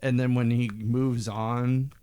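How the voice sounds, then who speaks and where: A man's voice: medium pitch, flat delivery, slow, mellow, clear, resonant tone. A man co-hosting a casual podcast about an old album, telling rambling stories and imitating voices he talks about. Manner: rambling storyteller, mimics singing and quotes. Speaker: podcast co-host.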